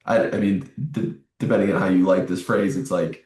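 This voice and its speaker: A man's voice: sits low, steady tone, fairly quick, a little mellow, distant mic. A man co-hosting a podcast, chatting casually and agreeably with hesitant restarts. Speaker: podcast co-host. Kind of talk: casual conversational chat. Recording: roomy echo, set back from the mic.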